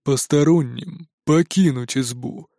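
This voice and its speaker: A stern animal chief, as a man puts him on, speaking slowly and gruffly. Every word is a command. Dry, close storybook recording. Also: medium pitch, mellow, no room sound, natural voice. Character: stern male council leader beast.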